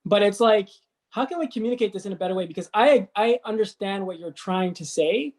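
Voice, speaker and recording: A podcast host in a casual interview, gently probing and questioning the guest's wording. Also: medium pitch, a little fast.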